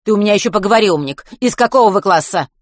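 A woman voicing a strict, suspicious female deputy head teacher who scolds loudly. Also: mid-range voice, big pitch swings, a little fast, no room sound, clean studio sound, voice pushed up. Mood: threatening.

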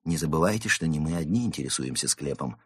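A man's voice: very deep voice, animated, fast talker, husky, no room sound, clean studio sound, exaggerated voice. A man doing a firm, commanding leader. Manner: firm, giving orders. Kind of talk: audiobook character reading.

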